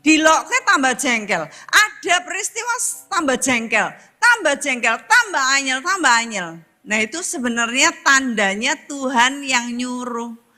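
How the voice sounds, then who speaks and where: A woman preacher delivers an emphatic sermon, repeating phrases for weight. Her voice sits high and sounds bright and forceful. She takes her time, with faint music underneath. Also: lively intonation, measured pace. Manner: emphatic, repeats phrases, talks straight to the congregation.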